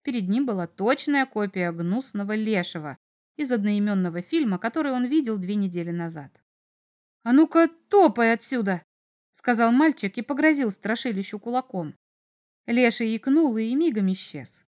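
A woman reading a children's science fiction story aloud as narrator, with even, expressive storytelling. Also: mid-range voice, normal speed. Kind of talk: audiobook narration.

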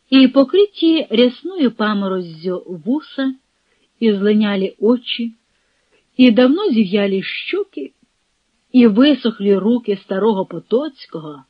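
A woman reading a historical novel aloud as an audiobook narrator, in a measured, dramatic way. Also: mid-range voice, slightly rough, dry recording, lo-fi sound. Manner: measured, dramatic reading with quoted dialogue voiced.

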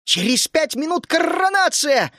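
A man voicing a small, cheerful, bossy female gnome queen in an audiobook who talks in brisk, loud, mocking exclamations. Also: high-pitched, lively intonation, no room sound, clean studio sound, pitched above the performer's own voice. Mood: urgent.

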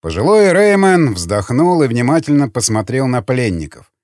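A man narrating an audiobook in an expressive reading voice. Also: mid-range voice, normal speed, no echo, studio quality. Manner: expressive, voices many characters.

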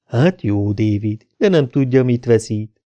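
A man voicing an affected, flirtatious woman at a bar who talks in a slow drawl. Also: medium pitch, animated, mellow, dull audio, close to an everyday voice. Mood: coaxing.

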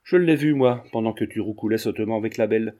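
An earnest young man snaps back in a sharp, indignant way, played by a male narrator. His voice is mellow underneath the heat. He sounds protective and quickly provoked. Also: on the low side, natural voice.

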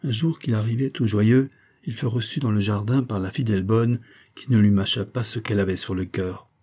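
A man reading a classic novel aloud in measured, even storytelling. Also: fairly low pitch, slightly rough. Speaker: audiobook reader. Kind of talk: scripted narration of a classic novel.

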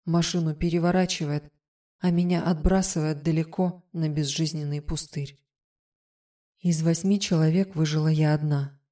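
A woman's voice: low-pitched, steady tone, moderate pace, warm tone, dry recording, clean studio sound. A woman narrating a first-person fiction audiobook with tense, vivid storytelling.

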